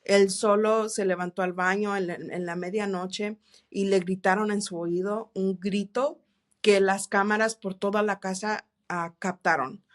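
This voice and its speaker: Earnest woman telling her testimony, halting. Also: mid-range voice, fairly even intonation. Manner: earnest, halting with many restarts, mixes in English words. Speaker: interview guest. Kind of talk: testimony in a church podcast interview.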